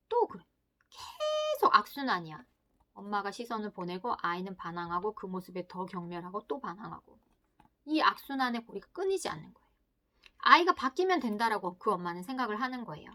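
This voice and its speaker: A woman giving an explanatory talk on parenting psychology from a book, acting out inner voices and dropping into hushed whispered asides. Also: medium pitch.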